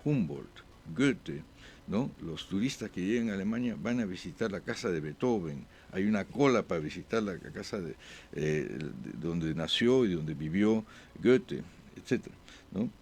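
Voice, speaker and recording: A man speaking as a diplomat guest in an interview, with halting answers full of "eh" pauses and restarts. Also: low voice, animated, a little mellow, slight background noise. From born abroad.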